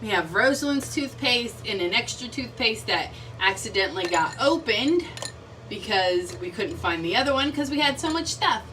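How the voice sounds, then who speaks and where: A woman's voice: a little high, animated, normal speed, pushed and bright, distant mic, slight background noise, low-quality recording. A young woman vlogging casually at home, chatting as she walks viewers through her bathroom while decluttering and cleaning.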